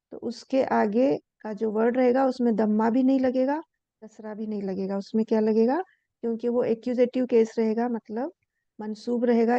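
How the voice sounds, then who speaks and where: A woman's voice: on the high side, warm tone, dry recording. A woman teaches Arabic grammar, explaining patiently and asking herself questions before answering them. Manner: patient, asks and answers her own questions, many fillers. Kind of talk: explaining a lesson, reading English lines slowly. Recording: dull, lo-fi voice recording.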